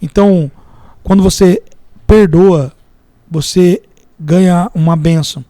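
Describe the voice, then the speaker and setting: A Brazilian man guesting on a podcast, an entrepreneur and mentor, speaks in a high-sitting, slow voice with a dark tone and a Brazilian Portuguese accent. He chats casually, telling anecdotes and parables and acting out the quotes. The studio-quality recording has no echo.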